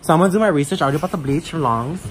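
A woman's voice: deep voice, animated, rapid-fire, crowd noise. A young woman from Hawaii, vlogging casually with a friend, brash and rambling, swearing freely as she tells stories. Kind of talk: casual vlog chat. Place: at home and in a car.

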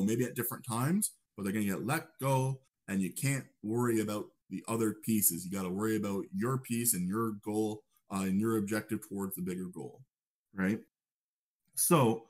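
A man's voice: fairly low pitch, darkish tone. A young man giving a casual lecture, talking conversationally and often checking in with "right?". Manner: acts out upbeat greetings in a raised voice.

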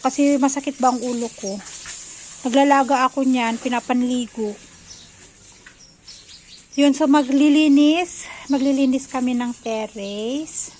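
Woman vlogger, high voice, slow chatty delivery, faint outdoor noise behind. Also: darkish tone, poor audio. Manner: chatty, mixing Tagalog and English. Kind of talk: casual home vlog narration. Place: home garden and terrace outdoors. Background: faint outdoor ambience and tractor noise.

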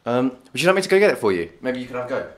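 A man's voice: medium pitch, big pitch swings, racing, close to an everyday voice. A young man playing a hesitant, offhand amateur inventor being interviewed in a spoof news report. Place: conservatory.

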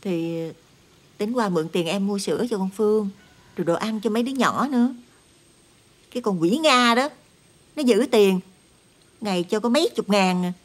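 A woman's voice: medium pitch, moderate pace, long pauses, natural voice. An actress playing a worn-down, long-suffering widowed stepmother, speaking with a Southern Vietnamese accent, tired and exasperated. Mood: weary. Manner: weary, exasperated and tearful. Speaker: struggling stepmother and older sister. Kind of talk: TV drama acting. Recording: music score under dialogue.

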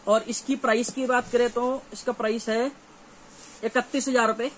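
A man in his thirties with a North Indian accent speaks in a very high voice with little pitch movement, at normal speed. He's a shop dealer giving an informal, repetitive sales showcase to camera inside a small, cluttered gear shop. The audio is poor, with faint shop noise in the background.

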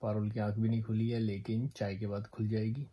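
A man's voice: fairly low pitch, flat delivery, a little fast, dark tone, a little hiss or hum. A man casually explaining his family's morning to the camera in an easygoing way. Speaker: vlogger. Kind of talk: casual family vlog talk.

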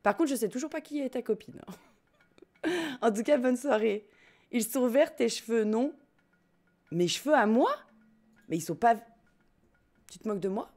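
A woman's voice: a little high, lively intonation, moderate pace, pauses often, a little mellow. A French woman live-streaming a game, chatting casually and giggling with her viewers. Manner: chatty, giggly, swears casually, talks to chat. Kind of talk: casual live-stream chat while gaming. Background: game music.

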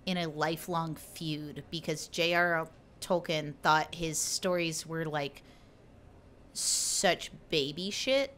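A young woman chatting on a podcast at an unhurried pace, her voice bright and forward. She laughs often and leans on fillers like "like". Now and then she drops into mock voices to land a joke. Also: sits low, slight background noise. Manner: giggly, filler-heavy, mock voices for jokes. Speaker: podcast co-host. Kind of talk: casual chat. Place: lives in Buffalo, New York.

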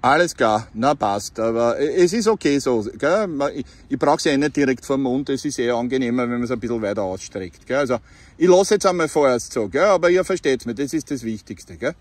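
A man with a Viennese Austrian accent, from Austria, chats casually into a handheld phone while filming a CB radio vlog outdoors beside roadside bushes. His mid-range voice has lively intonation and a slightly fast pace, often closing phrases with tag questions. There's no echo.

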